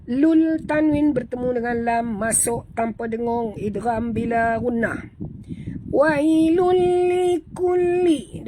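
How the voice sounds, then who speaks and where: Malaysian woman recitation teacher, higher voice, unhurried and patient, noisy background. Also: darkish tone. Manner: methodical, correcting pronunciation, chants verses in slow drawn-out tones. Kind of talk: tajweed lesson.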